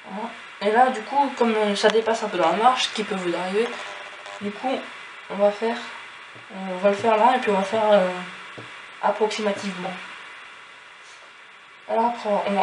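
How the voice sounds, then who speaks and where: A man with a cold, sniffling as he explains a drawing tutorial step by step and counts squares aloud with lots of fillers. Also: high-pitched. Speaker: tutorial host. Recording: echoey room with background noise.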